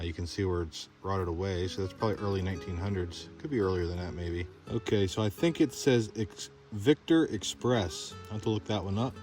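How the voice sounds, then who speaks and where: A man vlogging outdoors in a winter forest while metal detecting, chatty and excited as he talks through each find. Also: deep voice. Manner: chatty, excited, thinking aloud while digging. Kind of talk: outdoor vlog narration to camera. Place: outdoors in a winter forest by old railroad tracks.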